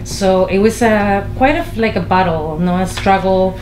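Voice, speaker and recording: A woman from Chile, a filmmaker, giving a halting introduction to her lecture performance with many fillers and restarts. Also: medium pitch. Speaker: filmmaker and guest artist. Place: small film venue. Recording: echoey room with noise.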